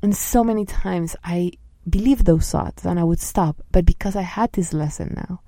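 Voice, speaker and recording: A woman in her thirties, a coach, speaking softly and earnestly about her own experience, at times voicing inner thoughts. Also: fairly low pitch, normal speed, dry recording. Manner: soft-spoken, earnest, acts out inner voices. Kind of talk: reflective personal talk.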